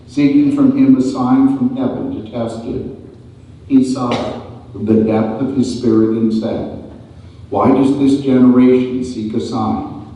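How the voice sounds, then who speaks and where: A priest preaches slowly and deliberately, his mellow voice ringing through a cathedral echo with a long hall reverb. He sounds distant from the microphone, the sound dull and lo-fi. His delivery is measured, with repeated phrases. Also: mid-range voice. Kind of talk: gospel reading and homily at Mass. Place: large church.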